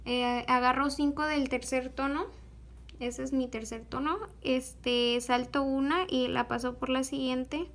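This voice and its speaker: A young woman giving a slow, patient, step-by-step beadwork tutorial, pausing often on fillers as she works. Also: high-pitched, fairly even intonation, fairly bright tone.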